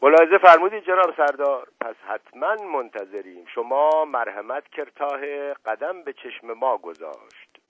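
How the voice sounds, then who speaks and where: A man voicing a sly, charming middle-aged nobleman who talks smoothly and persuasively, on a dull lo-fi radio recording. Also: medium pitch, animated, dry recording, voice pushed up, close to an everyday voice. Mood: coaxing.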